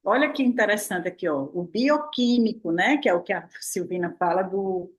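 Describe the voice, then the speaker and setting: An older woman gives a relaxed, playful talk as a therapist. She keeps tossing in little questions and answers them herself, in a warm, chatty back-and-forth. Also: medium pitch, moderate pace. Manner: lively, playful, full of "né?" and rhetorical "o quê?". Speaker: therapist and guest speaker. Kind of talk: casual explanatory talk to a live online audience.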